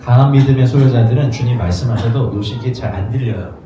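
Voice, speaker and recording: Korean pastor preaching in an echoey room. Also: male voice, medium pitch, fast talker. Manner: conversational, acts out quoted voices. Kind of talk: sermon. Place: rented studio space used for worship. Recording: echoey room, mic at a distance, faint noise.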